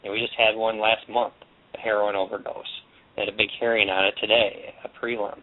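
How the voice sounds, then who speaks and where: A man's voice: on the low side, level tone, brisk. A man speaking as a guest on a radio show over the phone, earnest and rambling with restarts. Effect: voice heard over the phone. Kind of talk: casual radio talk. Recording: tinny phone line.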